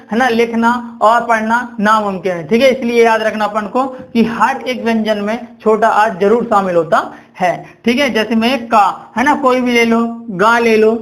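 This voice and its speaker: A young male teacher with a very high voice runs through a grammar lesson. He poses questions to the class and answers them himself. He repeats key terms and slows to a crawl when dictating. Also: a bit bright. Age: young adult. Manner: drawn-out dictation while writing.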